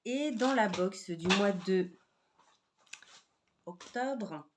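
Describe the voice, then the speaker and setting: A woman hosting an embroidery vlog, chatting casually with many fillers and often sinking to a soft murmur. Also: medium pitch, lively intonation, drawn-out words, noisy background. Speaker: Flosstube host showing embroidery projects. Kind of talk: casual chat.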